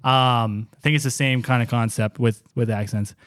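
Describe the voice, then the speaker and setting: A man's voice: mid-range voice, fairly even intonation, normal speed, a bit bright. A man co-hosting a podcast in casual chat, rambling with lots of fillers. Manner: rambling, filler-heavy, laid-back. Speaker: podcast co-host.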